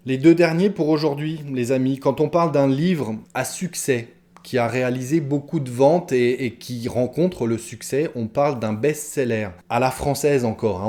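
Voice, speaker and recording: A man giving an online French lesson, speaking straight to his viewers in a lively, chatty way with many asides and fillers. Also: mid-range voice. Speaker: French teacher.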